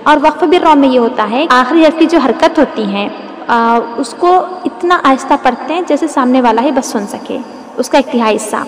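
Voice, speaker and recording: A woman teaching the rules of Quran recitation, explaining patiently and drawing out each example word. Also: high-pitched. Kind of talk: tajweed lesson with demonstrations. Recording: echoey room with long reverb.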